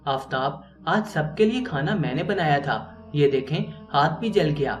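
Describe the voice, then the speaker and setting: A man voicing a meek, obedient young bride who speaks softly and dutifully. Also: fairly high pitch, lively intonation, unhurried. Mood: weary. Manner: soft, dutiful and yielding. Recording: roomy, distant mic, faint music.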